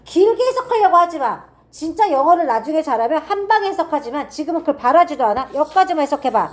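High, lively woman teaching a grammar class. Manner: quizzing students with quick repeated checks; reads English sentences slowly and deliberately. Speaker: English teacher at a cram school.

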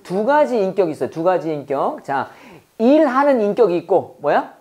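Woman teacher in a classroom, lively drilling lecture with a very animated voice. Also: medium pitch, normal speed, lo-fi sound. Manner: lively, call-and-response drilling with laughs. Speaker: English teacher. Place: classroom with students.

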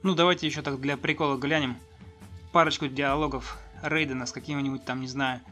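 A man with a bright, forward voice talks through a game review in a casual, rambling way. He hesitates as he goes, with light music behind him. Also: mid-range voice, steady tone, fairly quick. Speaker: gaming video host.

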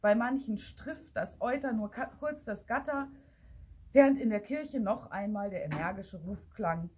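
A woman reading a Christmas fairy tale aloud in a lively, expressive storytelling manner. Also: medium pitch, a little slow, a little hiss or hum. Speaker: audiobook reader.

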